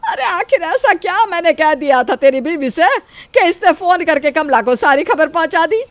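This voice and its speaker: A woman voicing a sharp-tongued middle-aged mother-in-law who scolds sarcastically. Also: very high voice, expressive, moderate pace, no room sound. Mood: angry.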